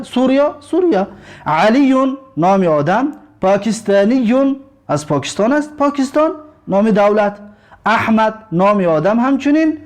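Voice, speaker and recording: High-voiced man teaching a language lesson. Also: darkish tone. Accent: Tajik. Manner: explains words slowly, repeats and translates them. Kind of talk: recorded lesson explaining textbook exercises.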